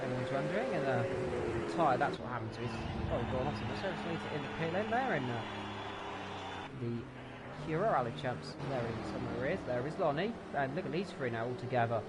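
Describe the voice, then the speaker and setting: A man doing live motorsport commentary in an excitable, exclaiming play-by-play manner. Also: mid-range voice, brisk. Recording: noisy, car engine sound behind.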